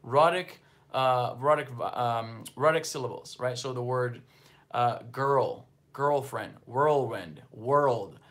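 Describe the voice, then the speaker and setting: Slow and fairly bright, this mid-range male voice belongs to a livestream host originally from northeastern Brazil, a native Portuguese speaker with a slight Brazilian accent. He wanders through loose conversation full of fillers while going over viewer comments.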